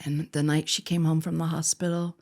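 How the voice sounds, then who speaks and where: Speaking low and level at a fairly quick clip, with a darkish tone, this woman shares her life as an adoptive mother on a podcast. She's a lively storyteller who performs other people's lines as she recounts them.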